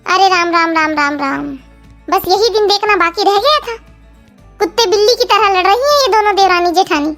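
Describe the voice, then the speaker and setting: Woman performing cartoon old mother-in-law, lower and lamenting, scolding, faint music. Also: a little fast, fairly bright tone. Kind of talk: cartoon family drama voice acting.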